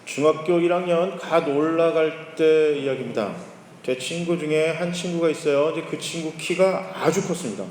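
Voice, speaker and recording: A male pastor giving a sermon, telling a story in a relaxed conversational way. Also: a little high, normal speed, slight background noise. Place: church sanctuary. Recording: roomy church hall with long reverb.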